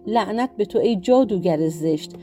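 A brave young prince answers his enemy boldly and defiantly in a mellow, warm storybook voice, as a woman narrator reads his lines. A faint guitar plays underneath. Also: mid-range voice, lively intonation, natural voice. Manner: bold and defiant.

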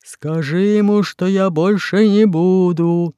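A reader voicing a dim-witted, sulky male monster with a bull's head in an audiobook, with slow, whiny pleading. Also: mid-range voice, steady tone, dark tone, smooth, dry recording, lightly acted. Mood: whining. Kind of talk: audiobook character voice.

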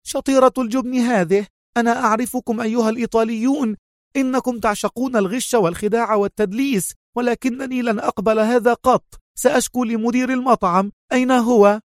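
A man voicing an indignant American woman who feigns outrage in a restaurant, scolding in a shrill, haughty way. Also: fairly even intonation, fast, no echo, studio quality. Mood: outraged.

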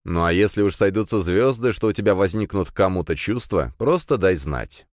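A man voicing a calm, kindly middle-aged noble father who speaks reassuringly, in an audiobook. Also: deep voice, fairly quick, dry recording, studio quality.

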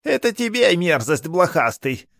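A man voicing a fat, cackling male bathhouse spirit with a high, teasing, wheedling voice. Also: very animated, unhurried, creaky, fairly bright tone, no echo, studio quality, heavily acted. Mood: sly.

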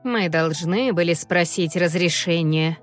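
A woman reading a children's audiobook, voicing a calm mother in a soft, measured way. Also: mid-range voice, soft background music. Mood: gentle.

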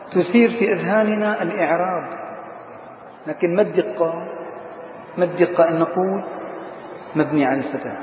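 Man teaching grammar, high voice, long hall reverb, tinny phone-like sound. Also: slight background noise. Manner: questions students, then answers himself. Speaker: sheikh teaching Arabic grammar. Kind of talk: classroom grammar lesson. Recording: tinny lo-fi echoey hall recording.

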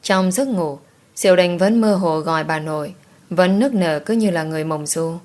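A woman narrating a romance audiobook in a calm, steady, measured reading. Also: on the low side.

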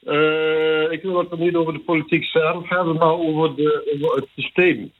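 A husky-voiced man in his fifties speaks over a landline phone, the sound thin and tinny. He is a caller on a late-night radio show, his voice a little high, and he hesitates often with pauses as he gathers his words. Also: level tone. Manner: hesitant, many filler pauses. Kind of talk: call-in radio chat.

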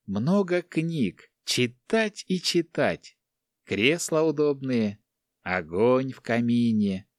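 A man's voice: medium pitch, expressive, unhurried, no echo, clean studio sound, close to an everyday voice. Man reading as a timid young monk. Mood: dreamy. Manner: anxious, defensive, prim. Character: timid, bookish young male monk, easily frightened.

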